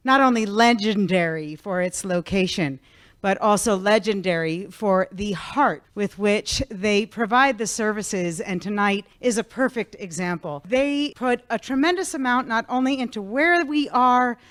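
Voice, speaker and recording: A woman's voice: mid-range voice, unhurried, no room sound. A woman giving a formal welcome speech at a hotel event and thanking the hosts effusively.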